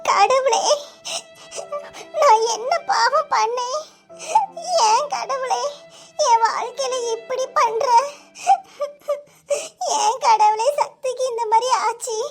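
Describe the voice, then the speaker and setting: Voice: fairly even intonation, takes it slowly, vocal fry, pauses often, soft background music, full character voice. A voice actor playing a heartbroken young woman in a cartoon, sobbing and blaming herself, with a Kanyakumari Tamil accent. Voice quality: high, pitched-up cartoon voice. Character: heartbroken young woman whose lover drank poison. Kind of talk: cartoon voice acting.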